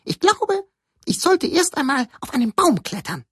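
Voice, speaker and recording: A woman's voice: high voice, very animated, dry recording, studio quality. A woman voicing an eager young male cuckoo who is learning to fly, chirpy and keen to cheer his friend up. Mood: cheerful, lively. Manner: chirpy, quick to cheer others up. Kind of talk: audiobook character voice.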